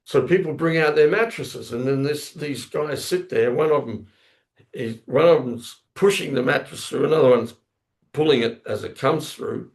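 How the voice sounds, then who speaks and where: A man's voice: medium pitch, normal speed. A man giving a scripture class, telling a story in a rambling way, often correcting himself and acting out sounds with his voice. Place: temple lounge class, indoors.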